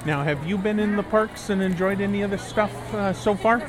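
A man hosting a casual walk-around chat outdoors, rambling in a halting way. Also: sits high. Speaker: podcast host. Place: outdoors walking through a busy theme park. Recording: outdoor park noise and crowd.

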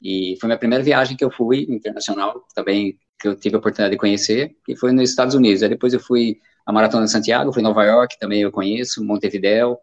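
A man's voice: fairly low pitch, steady tone, quick pace, few pauses. A Brazilian man in his fifties, an amateur runner chatting casually as an interview guest and telling rambling stories. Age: 50s. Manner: rambling, storytelling, many fillers. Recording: dull lo-fi sound.

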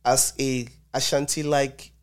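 A young man with a Nigerian accent talks loosely and animatedly, drifting into Pidgin phrases. His voice sits at an ordinary middle pitch, and he chats like a guest relaxing into the conversation. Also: unhurried, smooth. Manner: animated, mixes in Nigerian Pidgin, laughs often. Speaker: Afrobeats artist guest. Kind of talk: casual podcast conversation.

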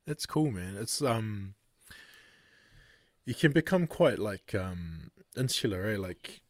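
A man's voice: fairly low pitch, expressive, slow pace, no room sound, studio quality. A young man with a New Zealand accent chatting casually as a podcast host, in a laid-back, slangy, frat-bro manner. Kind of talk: casual interview chat.

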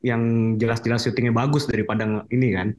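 Excited guy gushing about a film. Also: mid-range voice, fast talker. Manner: enthusiastic, fillers, slangy. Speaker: podcast guest reviewer. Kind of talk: casual film review chat.

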